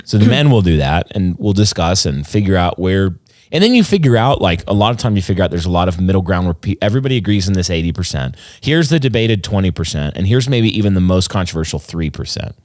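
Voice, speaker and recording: A man's voice: low voice, lively intonation, fast, darkish tone, dry recording, studio quality. A man, a pastor and podcast co-host, explaining his views in an earnest, rambling conversational way with frequent restarts. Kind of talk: casual conversational podcast chat.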